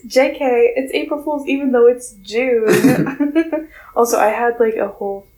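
A woman's voice: fairly high pitch, unhurried, a little mellow. A woman in her twenties co-hosting a podcast in casual chat, laughing often. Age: 20s. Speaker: podcast co-host. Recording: roomy echo.

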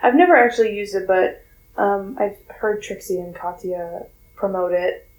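A woman in her twenties co-hosts a podcast, chatting casually and laughing often. She speaks at a normal speed in a mid-range voice, with a roomy echo on the recording.

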